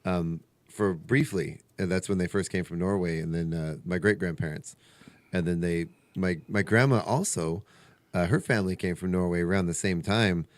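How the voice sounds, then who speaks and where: In a radio studio, a low-voiced man hosts a casual chat show, rambling through stories in a chatty, conversational manner. He talks at a normal speed, and there's no echo.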